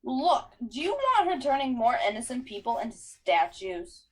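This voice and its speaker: A woman voicing a clever, bossy teenage girl who talks in a brisk, know-it-all way. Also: high-pitched, sing-song, slightly rough, full character voice. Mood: urgent. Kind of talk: audiobook character voice.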